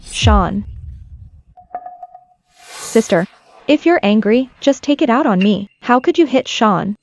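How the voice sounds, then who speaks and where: A woman's voice: fairly high pitch, lively intonation, takes it slowly, slight background noise. A woman dubbing a scheming, manipulative younger sister in a drama, falsely sweet and taunting. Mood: pleading. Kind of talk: English drama dub.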